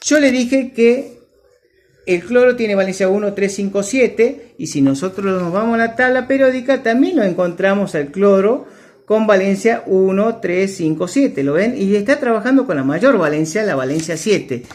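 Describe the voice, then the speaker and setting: A man's voice: sits high, animated, moderate pace, darkish tone. A man teaching a chemistry lesson, patiently explaining steps and checking in with his students. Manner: patient, checks with students, repeats key terms. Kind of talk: classroom lesson at a whiteboard.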